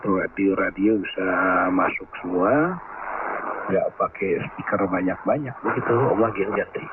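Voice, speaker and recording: A man chatting casually about his gear on an amateur radio net, heard over a shortwave two-way radio, relaxed and technical, handing off turns with call signs. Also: low voice, measured pace. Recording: distant, tinny, very noisy radio signal.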